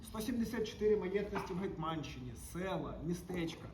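A man's voice: high voice, animated, fairly quick, roomy sound, background noise. A man playing a lecturing monk steward in a historical stage performance. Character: monk steward of the monastery estates. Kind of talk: historical theatre acting.

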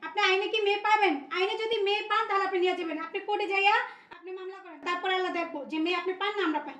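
An actress playing a defiant, argumentative young sister-in-law. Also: female voice, extremely high pitch, fairly even intonation, very fast, a bit bright, a little hiss or hum. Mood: lecturing. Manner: cutting, argumentative. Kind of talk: Bangla drama acting. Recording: echoey room.

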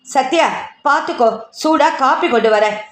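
A woman's voice: high voice, normal speed, natural voice. A woman voicing a stern, suspicious older aunt who scolds and gives orders, read in a roomy space. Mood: bossy. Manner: scolding, commanding.

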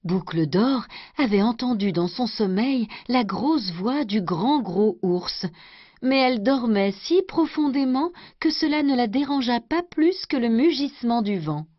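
A woman storyteller doing an expressive scripted storybook narration. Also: on the high side, unhurried, no room sound. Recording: dry, dull lo-fi recording.

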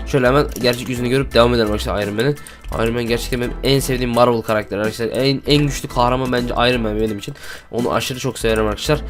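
A man hosting Minecraft gameplay commentary, excitable and constantly calling out to his viewers. He talks at breakneck speed in a mid-pitched voice, with faint music playing underneath. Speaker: gaming channel host.

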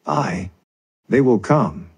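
A man voicing a weathered old crofter who speaks tersely and gruffly. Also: mid-range voice, lively intonation, slow pace, heavily acted.

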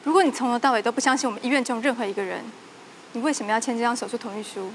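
A woman's voice: on the high side, steady tone, rapid-fire, slight background noise, close to an everyday voice. An actress playing an earnest young female doctor who speaks in a composed, persuasive way. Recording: echoey room with loud music.

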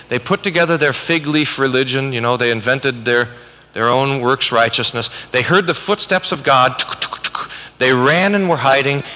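A man's voice: medium pitch, sharp tone. A man giving a conversational Bible lecture at a conference, often restarting his sentences and acting out the quoted lines. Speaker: conference speaker, Bible teacher. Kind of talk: lecture-style sermon. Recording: reverberant hall.

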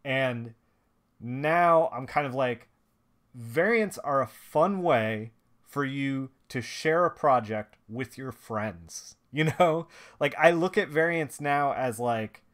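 A man's voice: mid-range voice, lively intonation, slow, fairly bright tone. A man hosting a live stream, chatting casually in a rambling way with many restarts and filler words. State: watery eyes, sniffly. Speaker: streamer and comic colorist host.

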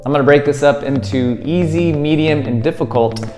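Over music, a man in his thirties with a voice on the high side speaks at normal speed while hosting a friendly escape room how-to video. He explains things step by step, handling props at a table indoors against a plaster wall.

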